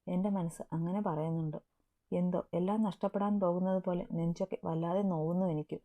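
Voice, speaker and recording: A woman's voice: lowish voice, fairly even intonation, brisk, mellow, lightly acted. A woman voicing a loving, teasing young husband in a storybook reading, with a narrow phone-like sound. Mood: anxious. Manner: tender, teasing.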